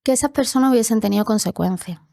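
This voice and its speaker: A woman's voice: a little high, fast talker, vocal fry, mellow, no echo, clean studio sound. A young woman telling her own story in a podcast interview, earnest, sometimes acting out the voices of people her childhood. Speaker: interview guest. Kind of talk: personal testimony in a podcast interview. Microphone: podcast studio mic.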